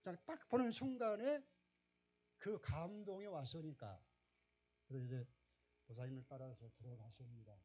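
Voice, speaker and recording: A man preaching a sermon as a pastor, telling a story and rising to loud, emphatic exclamations. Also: a little high, normal speed, long pauses, slight background noise. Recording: dull, muffled recording.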